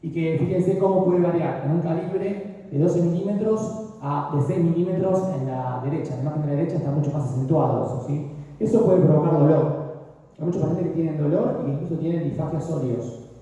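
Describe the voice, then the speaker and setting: An older man lectures on radiology, often pausing to ask his students whether they follow. His voice is dark and mellow, and it is picked up from a distance in a very echoey room with a long reverb tail, on a dull, muffled recording. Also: a little high. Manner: explanatory, frequently checks understanding with "¿sí?".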